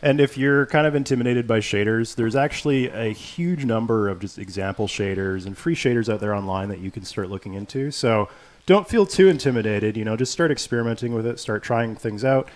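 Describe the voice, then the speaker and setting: A man's voice: on the low side, fairly quick. A man co-hosting a casual game-studio livestream, playful and joking as he reads out questions from the chat.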